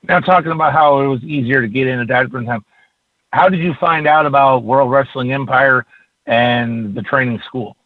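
A man's voice: mid-range voice, normal speed, dry recording. A man hosting a radio show, asking conversational, leading questions. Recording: dry, narrow phone-like radio sound.

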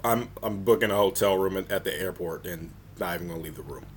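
Deep-voiced, deadpan podcast co-host man. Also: fast, a little hiss or hum. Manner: laid-back, deadpan, stubborn. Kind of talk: casual podcast banter.

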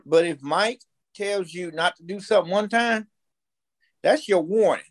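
High-voiced and unhurried, an American man in his fifties tells stories casually as a podcast guest. He's blunt and opinionated, repeating himself to emphasize his points.

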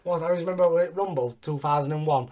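A man hosting a casual recap chat with sweary, excitable fan talk. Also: fairly high pitch, fast talker. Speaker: wrestling podcast host.

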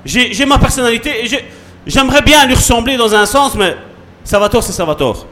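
A man delivers a sermon as pastor, his voice sitting high for a man. His pitch leaps and dips constantly, dropping to hushed asides and then rising to loud rallying calls. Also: fairly quick. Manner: lively preaching, sudden drops to soft asides and rises to loud calls.

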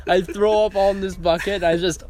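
A man's voice: high voice, fairly even intonation, brisk, darkish tone. A young man telling a story in casual chat, acting out quotes and swearing freely. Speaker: guest storyteller.

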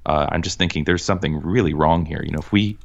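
A man's voice: rumbling low, fast, vocal fry. A man from Massachusetts hosting a casual conversation, talking earnestly with frequent restarts and firm emphasis. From Cambridge, Massachusetts. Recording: dull lo-fi sound.

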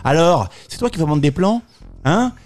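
A man's voice: a little high, lively intonation, moderate pace, a little mellow. A man playing a role in an improvised role-play, accusing and mocking his partner. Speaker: player.

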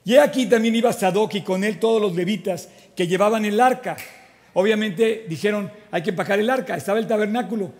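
High-voiced preacher in a reverberant hall. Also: male voice, a little fast. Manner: animated storytelling, frequent restarts and asides. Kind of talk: sermon with Bible reading.

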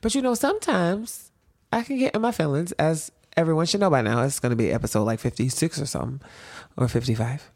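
A man in his late twenties co-hosting a casual podcast with his husband, playful and animated. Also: on the high side, fast talker, vocal fry, no room sound, studio quality. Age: 20s. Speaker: podcast co-host. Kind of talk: casual couple's podcast chat.

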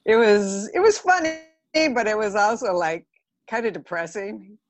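Very animated and moderately paced, this medium-pitched woman is a Los Angeles–area theatre director appearing as a podcast guest. In a casual interview she shares stories candidly, poking fun at herself.

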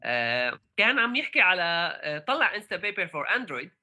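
Casual podcast co-host, male, Levantine Arabic accent, very sharp bright tone, halting delivery peppered with English. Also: sits high, very animated. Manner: halting, mixes English tech words into Arabic. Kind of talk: casual tech discussion.

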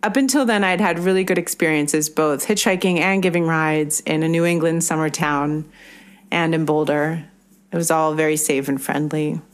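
A woman telling a personal road-trip memory in a calm, reflective way. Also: sits low, normal speed. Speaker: storyteller. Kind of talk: personal storytelling.

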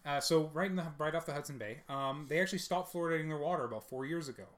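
A man co-hosting a podcast in casual chat, animated, often jumping into mocking voices to quote people. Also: a little high, very fast. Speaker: podcast co-host.

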